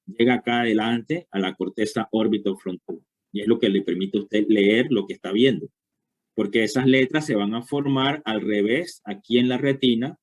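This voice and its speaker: A man with a medium-pitched, slightly mellow voice gives a university lecture. He explains step by step and checks understanding with frequent short questions.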